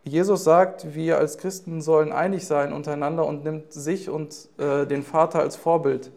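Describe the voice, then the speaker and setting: A man's voice: on the high side, level tone, vocal fry, a little mellow. Earnest German-speaking male preacher. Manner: earnest, searching for words with pauses and fillers. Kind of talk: sermon.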